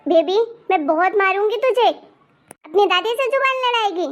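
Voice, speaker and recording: A woman voicing a haughty old grandmother in an animated cartoon, scolding harshly and with contempt. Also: extremely high pitch, a little slow, exaggerated voice.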